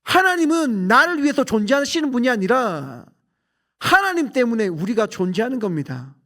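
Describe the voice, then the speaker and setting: Forceful Korean pastor preaching. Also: male voice, very high voice, sing-song, moderate pace. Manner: forceful preaching, rising and dropping emphatically. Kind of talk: sermon. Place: church sanctuary.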